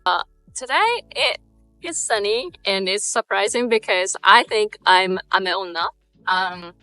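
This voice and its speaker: Brief: young woman, Japanese accent, chatty Q&A vlogger, bright, soft music underneath. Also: mid-range voice, dry recording, low-quality recording. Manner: chatty, uses many "like" fillers. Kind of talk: casual Q&A chat.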